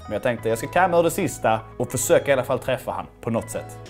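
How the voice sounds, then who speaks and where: A young man casually commenting on his own fight footage, animated and self-mocking, swearing freely. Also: mid-range voice. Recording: faint music underneath.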